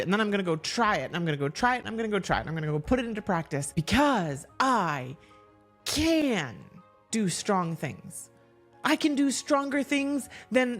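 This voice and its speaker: An earnest woman delivers a motivational podcast monologue, stacking up repeated urgings and dropping low and slow to land her points. Her voice sits at an everyday middle pitch. Faint music plays softly underneath. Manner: earnest, repetitive exhortations. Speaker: podcast host.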